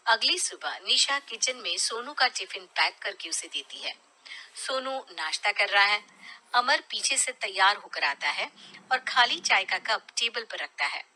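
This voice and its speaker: A woman narrating a cartoon story in a hushed, low-key way. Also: rough recording.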